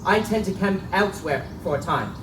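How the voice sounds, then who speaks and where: A man performs the part of Lee, a nervous, upright clergyman's son, in a live dramatic reading of a gothic pulp story staged in a bookstore. His voice is high-ish, expressive and fairly quick, sounding anxious, urgent, earnest and guarded as he warns a friend. A distant mic picks up echo and faint noise.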